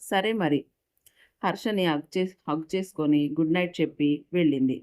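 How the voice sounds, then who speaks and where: A woman reading a romantic story aloud, voicing the dialogue and narration in one steady voice with small slips and restarts. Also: low voice, fairly quick.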